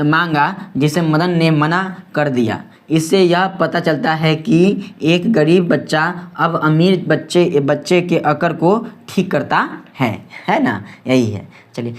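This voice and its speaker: A man with a Bihari Hindi accent tutors students through a class ten exam quiz. He talks fast and keeps repeating check-in questions after each answer. It sounds like a close voice-over. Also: fairly high pitch. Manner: quick, repetitive, keeps asking "ठीक है?". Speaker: teacher.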